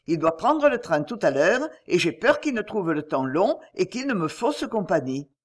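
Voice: mid-range voice, sing-song, moderate pace. A reader voicing an eager young inspector. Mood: urgent. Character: young male police inspector, quick and scheming.

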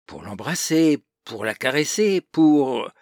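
A man's voice: mid-range voice, very animated, slow, a little mellow, no room sound, studio quality, voice pushed up. A man voicing a smug, cocky teenage schoolboy with a boastful, scornful manner in an audiobook reading.

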